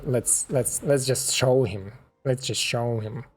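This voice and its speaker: A man's voice: mid-range voice, slow pace, breathy edge. A man giving casual commentary while he plays a card game, chatting to his opponent and to the game itself. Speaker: streamer playing a card game.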